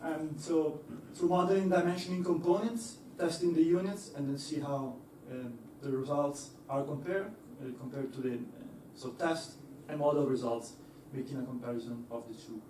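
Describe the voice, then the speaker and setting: A man's voice: on the high side, steady tone, moderate pace, hardly any pauses, a little mellow, slight background noise. A young man presenting to an audience in a lecture hall, with many fillers and restarts. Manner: hesitant, many fillers and restarts, laughs easily. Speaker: engineer giving a talk. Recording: echoey hall, voice from far off.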